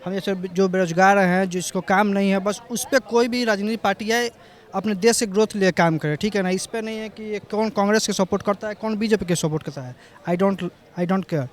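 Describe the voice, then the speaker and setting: A man's voice: high voice, brisk. Young man, street interview, earnest, dismissive tone, traffic outdoors. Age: young adult. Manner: earnest, dismissive of party politics. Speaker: unemployed young passerby. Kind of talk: street vox-pop opinion.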